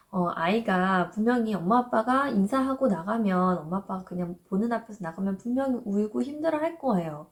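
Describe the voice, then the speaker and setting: Gentle woman giving parenting advice. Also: mid-range voice. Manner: gentle, reassuring, acts out parents' and children's inner thoughts. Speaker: parenting educator. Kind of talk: explanatory parenting advice talk.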